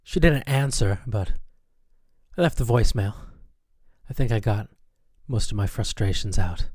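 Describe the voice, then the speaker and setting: A man's voice: lowish voice, moderate pace, a little mellow, breathy edge, no echo. Exasperated, sarcastic male radio host. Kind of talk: comedy radio sketch.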